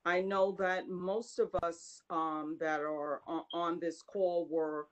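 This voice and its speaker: A woman from a community board speaking haltingly with many ums on a video call meeting. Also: fairly low pitch, fairly even intonation, poor audio. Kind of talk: asking questions at a public meeting.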